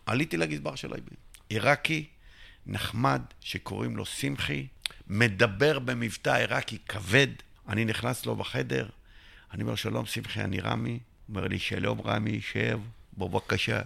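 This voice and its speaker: Gravelly, bright-voiced storytelling man. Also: lowish voice. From Israel. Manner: tells a story by acting out both sides of a dialogue, sometimes shouting. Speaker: interviewee, entrepreneur. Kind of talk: animated storytelling with acted dialogue.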